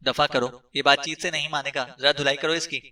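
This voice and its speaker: A man voicing rough male henchmen who jeer and speak crudely, in an audiobook. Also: fairly high pitch, steady tone, brisk, pushed and bright, far from the mic. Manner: jeering.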